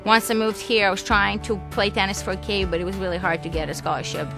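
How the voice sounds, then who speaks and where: A woman's voice: mid-range voice, steady tone, quick pace, over music. Woman in her 20s, chatty, laughs a lot, interview talk. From Serbia. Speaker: interviewee, aspiring skeleton athlete.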